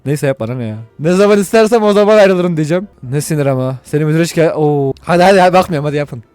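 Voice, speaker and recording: A man giving joking, excitable and profane commentary while playing a video game. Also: fairly high pitch, fast, clean tone, no room sound, soft background music. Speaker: gaming YouTuber.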